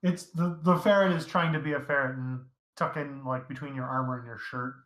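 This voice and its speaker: A man's voice: mid-range voice, fairly even intonation, fairly quick, fairly bright tone, roomy sound, low-quality recording. A man narrating as dungeon master in an easygoing, casual way, full of fillers. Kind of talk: narrating a tabletop game.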